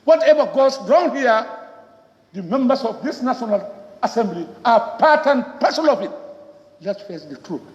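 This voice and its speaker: A woman's voice: on the high side, lively intonation, moderate pace, darkish tone. A woman member of parliament with a Gambian accent gives an emphatic, rhetorical parliament speech, repeating phrases for weight. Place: large parliament chamber. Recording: echoey, reverberant hall, muffled.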